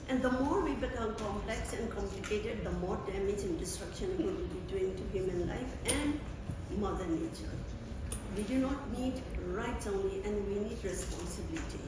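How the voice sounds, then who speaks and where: A woman's voice: mid-range voice, animated, moderate pace, distant mic. A middle-aged woman from Nepal making an earnest, reflective comment from the floor of a panel event, asking rhetorical questions. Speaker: audience member asking a question. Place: large conference room. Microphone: desk microphone, recorded from far across the room. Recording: echoey hall recorded from afar, noisy.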